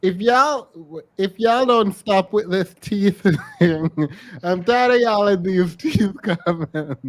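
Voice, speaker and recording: A man co-hosting a podcast, reading viewer messages in casual chat, animated and laughing, dropping into low mutters. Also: takes it slowly, rough recording. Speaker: podcast co-host.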